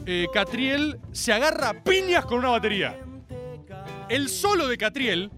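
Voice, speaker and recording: Rioplatense male host, high lively voice, theatrical slangy rant, faint music behind. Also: a little slow. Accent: Rioplatense Spanish. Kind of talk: comic monologue.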